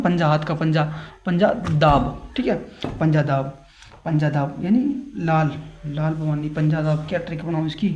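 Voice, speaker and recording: An unwell male tutor with a mellow, dark voice talks through exam questions, repeating phrases and stopping to apologize. He builds silly memory tricks as he goes. The recording is roomy and echoey, with a dull, lo-fi sound. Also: a little high. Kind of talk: casual Hindi exam-prep lesson.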